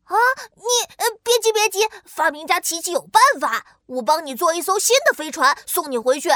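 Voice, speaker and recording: A woman's voice: very high-pitched, expressive, a little fast, fairly bright tone, no room sound, studio quality. A woman voicing a cheerful, clever little girl inventor in a children's audio story, eager and exclamatory. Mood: reassuring, eager.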